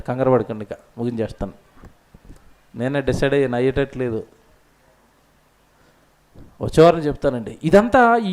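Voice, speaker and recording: A male pastor delivers a sermon in a high voice. He swings between fiery, loud bursts and quiet, close asides to his congregation.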